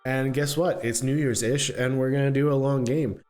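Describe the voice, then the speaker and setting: A man's voice: mid-range voice, steady tone, moderate pace, darkish tone, soft background music. A man in his late twenties hosting and running a tabletop game, chatting casually with many fillers. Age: late 20s. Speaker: game master and host. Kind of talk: casual chat.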